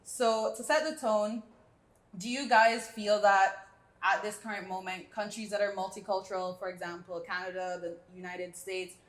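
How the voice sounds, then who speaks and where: A woman's voice: medium pitch, steady tone, moderate pace. A young woman hosting a panel discussion, poised and reading prepared questions. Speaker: host. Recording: roomy echo.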